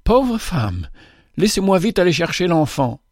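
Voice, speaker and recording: A man's voice: high-pitched, big pitch swings, unhurried, dry recording, studio quality, pitched above the performer's own voice, heavily acted. A man voicing a poor, kindly widow and mother of three, speaking in a heartfelt, exclamatory way. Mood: tender.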